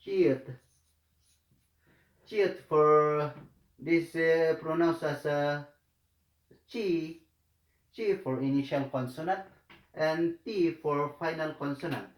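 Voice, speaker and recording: A man speaks slowly and haltingly, repeating phrases and filling gaps as he walks through a writing lesson step by step. His voice sits a little high. The room around him is echoey. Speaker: Korean language tutor.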